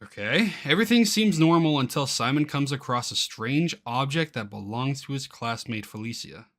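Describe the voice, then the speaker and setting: Reading a game's crowdfunding page aloud, a YouTuber offers casual reaction commentary at a moderate pace. He's excitable and quick to sound incredulous, exclaiming in a bright, forceful, medium-pitched voice.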